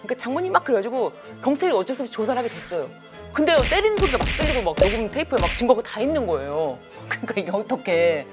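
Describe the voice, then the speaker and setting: Woman counselor, lively lecture storytelling, very animated pitch, music behind. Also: racing. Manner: animated, expressive, acts out quotes.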